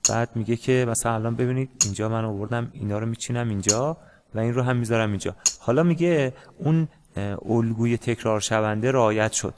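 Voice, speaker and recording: A man teaching a music lesson in a casual, hesitant way, with many pauses and fillers. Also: medium pitch, a little mellow, a little hiss or hum. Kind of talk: casual screen-share lesson.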